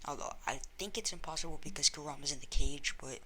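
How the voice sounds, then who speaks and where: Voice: medium pitch, fast talker, heavy background noise. A speaker casually retelling a fan story, rambling along in long chains of "and then" with many restarts.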